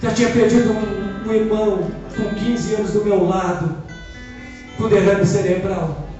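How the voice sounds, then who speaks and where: Brief: male preacher, very high voice, passionate testimony, captured from afar in a booming church with music and congregation. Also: steady tone, measured pace, lo-fi sound. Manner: impassioned, swinging from hushed storytelling to shouted appeals. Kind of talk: Pentecostal sermon testimony. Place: church service hall. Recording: echoey church hall, distant mic, music and congregation.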